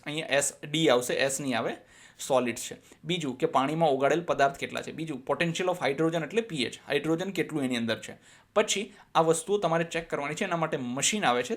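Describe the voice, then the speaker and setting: A man. He puts questions and answers them himself, and he reads the English lines slowly and with care. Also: a little high. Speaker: teacher. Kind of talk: explaining an English lesson in Gujarati.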